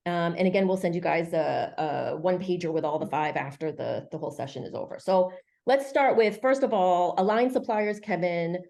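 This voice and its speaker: A woman's voice: lowish voice, animated, moderate pace, vocal fry, darkish tone. A woman hosting an online webinar in a chatty, friendly way, with many fillers. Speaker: webinar host.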